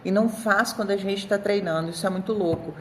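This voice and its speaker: A woman in her thirties with a Brazilian Portuguese accent, a dog trainer presenting an article in a chatty, animated storytelling way, talking straight to her viewers. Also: medium pitch, fast talker, slight background noise. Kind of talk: casual video presentation of an article.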